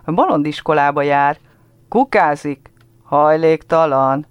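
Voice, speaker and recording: Man doing mocking young girls, shrill, jeering, cruel, gravelly, dry sound. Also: no room sound, close to an everyday voice.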